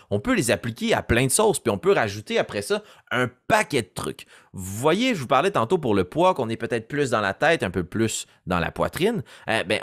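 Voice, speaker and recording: A man gives a casual tutorial as a game master, explaining and demonstrating character voices. His voice is fairly low but swings widely in pitch as he talks. The sound is close and dry. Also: dry recording. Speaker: game master teaching voice acting.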